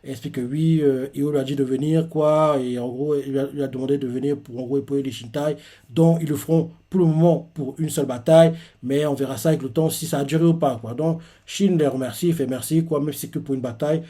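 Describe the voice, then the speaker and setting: A man's voice: medium pitch, fairly even intonation, fast, warm tone. A man casually recapping a manga chapter, rambling with constant filler words. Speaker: manga reviewer.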